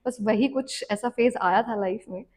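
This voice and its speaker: A young woman speaks as a podcast guest in a fairly high voice, slipping English words into her Hindi. She tells her story at an easy, reflective pace, like casual conversation. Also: normal speed, a little mellow. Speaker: podcast guest, devotional content creator. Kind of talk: casual interview chat.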